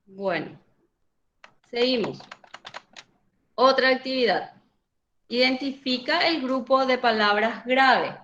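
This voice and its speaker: Slow, bright-voiced woman teacher. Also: sits high, highs cut off, a little hiss or hum. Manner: slow, patient, asks students questions. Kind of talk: online Spanish grammar lesson.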